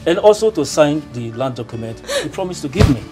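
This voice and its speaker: An actor playing a cold, stubborn uncle with a Nigerian accent, stern and dismissive in a film drama. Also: male voice, a little high, big pitch swings, fairly quick, over music. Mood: irritated, puzzled. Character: cold, stubborn uncle refusing his pleading niece money.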